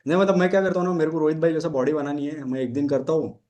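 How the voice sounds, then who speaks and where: Story-telling male dating coach, slightly high voice. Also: little pitch movement, very fast, dark tone, highs cut off. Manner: storytelling, mixes Hindi with English, laughs often. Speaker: dating coach, podcast host. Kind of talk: casual podcast chat.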